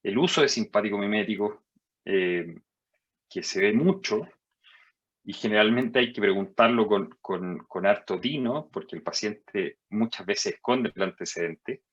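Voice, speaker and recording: Man, physician lecturing, low voice, dull lo-fi sound, emphatic rises on key points. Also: slightly rough. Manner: measured and explanatory, with sudden higher-pitched emphasis on key points. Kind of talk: medical lecture over slides.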